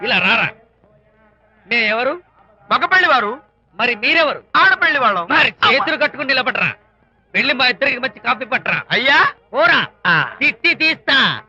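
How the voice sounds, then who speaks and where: A man's voice: extremely high pitch, sing-song, moderate pace, pauses often, bright, forceful tone, slightly rough, full character voice. A bossy, boastful film father. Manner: teasing, boastful banter. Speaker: comic film character, the bride's father. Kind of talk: Telugu film comedy acting. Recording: dull film soundtrack with music.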